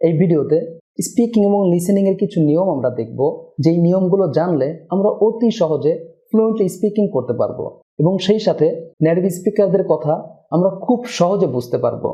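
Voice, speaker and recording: A man, a native Bengali speaker, teaching English pronunciation in a slow, careful scripted lesson, sounding out example words. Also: high-pitched, animated, warm tone. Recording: dull lo-fi sound.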